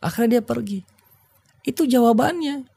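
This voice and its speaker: A man with a husky voice telling personal stories in casual conversation, acting out the speech of others. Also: very high voice, normal speed. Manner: animated, acts out quoted speech. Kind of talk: casual storytelling.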